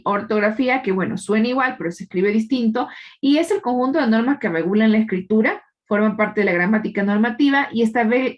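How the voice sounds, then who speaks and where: A woman teacher giving a live class, explaining patiently and quizzing her students, with frequent tag questions. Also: fairly high pitch. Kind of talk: live online class lecture.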